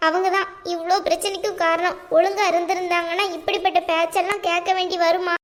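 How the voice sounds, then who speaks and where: A woman's voice: very high voice, little pitch movement, fast talker. A woman voicing a tearful young sister-in-law in a cartoon, who speaks in a choked voice. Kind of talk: cartoon voice acting.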